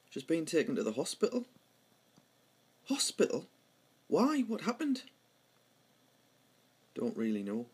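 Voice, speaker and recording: A man's fairly high voice, a little mellow and slightly rough, carries a North East English pitmatic accent from Houghton-le-Spring. He reads a play's dialogue as an amateur.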